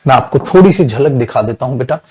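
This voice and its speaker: A man's voice: mid-range voice, lively intonation, fast, dark tone, breathy edge, rough recording. A man teaching an English class online, calling students "beta" and stretching out sounds to demonstrate them.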